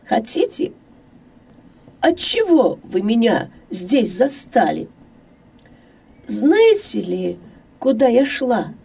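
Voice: mid-range voice, sing-song, slow, gravelly, long pauses, darkish tone, husky, far from the mic, exaggerated voice. A reader voicing an earnest, brave young woman who pleads tenderly and sometimes whispers her words. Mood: pleading. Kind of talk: audiobook character voice.

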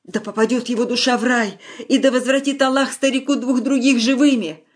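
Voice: mid-range voice, fairly even intonation, fairly quick, pitched above the performer's own voice, lightly acted. A reader voicing a broad-faced old village woman who speaks a prayerful consolation, in a storybook reading. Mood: consoling.

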